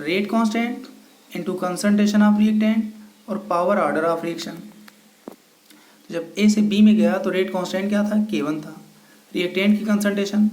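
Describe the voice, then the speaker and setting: A man's voice: high voice, a little mellow. A man teaching a chemistry lecture. He explains step by step, asks questions and answers them himself, mixes English technical terms into his Hindi, and calls his students children. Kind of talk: recorded classroom lecture. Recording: echoey room with faint ambient noise.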